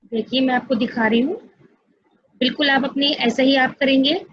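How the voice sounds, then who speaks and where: A woman's voice: high-pitched, steady tone, normal speed, breathy edge, no echo, dull audio. A woman teaching an online class to young children, explaining patiently step by step and often addressing them directly. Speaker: school teacher.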